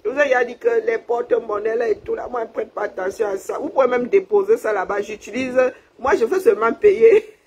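A Cameroonian woman hosts a livestream, chatting casually with her viewers, laughing often and thanking them. Her voice is fairly high and fairly even in intonation, and she talks fairly quickly with few pauses on a low-quality recording.

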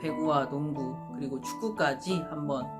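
The host of a sports prediction channel, a woman with a low voice and moderate pace, announces a giveaway to her viewers. She speaks formally and politely, presenter-style, with music in the background.

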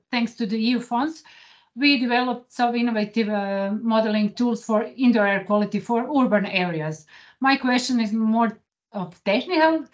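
A woman with a Croatian accent asking a question on a video call, searching for words as she goes. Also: fairly high pitch. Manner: searching for words, non-native phrasing. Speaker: conference attendee asking a question. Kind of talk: question in online Q&A. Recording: muffled video call audio.

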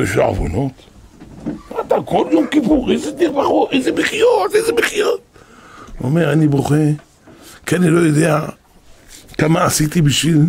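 Raspy, gravelly older rabbi. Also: male voice, on the high side, dry recording. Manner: impassioned, often rising to shouts and repeating himself. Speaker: rabbi teaching a class. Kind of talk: emotional Torah lesson.

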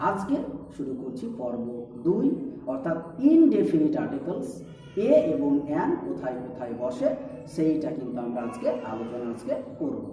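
A man's voice: fairly high pitch, very animated, normal speed, mellow. Patient male teacher in an echoey room. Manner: patient, repeats points with rhetorical questions. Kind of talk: explaining a lesson. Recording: echoey, distant, dull-sounding room recording.

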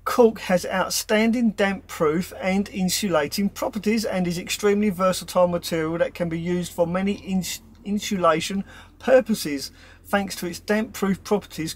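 A man chatting upbeat in a casual question-and-answer vlog, talking from inside his camper van. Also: a little high. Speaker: van life vlogger.

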